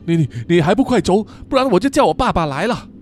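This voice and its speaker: A panicky, defiant young boy, put on by a man who snaps back in a shrill, indignant squeal. The voice sits far above the storyteller's own and swings wildly between highs and lows. It is lively and shaky all through. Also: brisk, slight background noise. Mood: flustered defiant.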